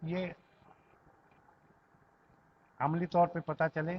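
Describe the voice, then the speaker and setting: A man's voice: on the high side, flat delivery, extremely slow, a little hiss or hum. A man with an Urdu accent teaching Arabic grammar to a class, patiently reciting verb conjugations in lists and checking that students follow. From Pakistan. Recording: dull lo-fi classroom recording.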